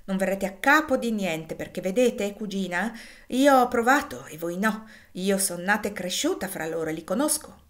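A woman's voice: mid-range voice, animated, moderate pace, natural voice. A woman reading aloud and voicing a petulant, complaining lady of a plantation house in a raised, querulous voice. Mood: peevish.

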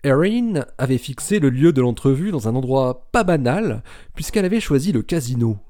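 Mellow-voiced man narrating a novel. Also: medium pitch.

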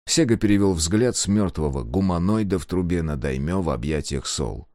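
A man narrating an audiobook in an expressive reading voice. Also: sits low, normal speed, no echo, studio quality. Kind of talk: scripted narration.

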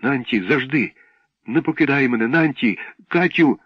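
A man voicing a desperate, heartbroken young boy who shouts and pleads, in a storybook reading. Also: lowish voice, little pitch movement, fast talker, dry recording, natural voice. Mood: desperate pleading. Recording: dull lo-fi, dry.

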